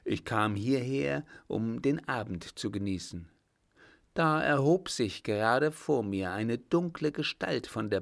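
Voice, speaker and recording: A man's voice: mid-range voice, gravelly, full character voice. A man voicing an offended young baroness who defends herself indignantly.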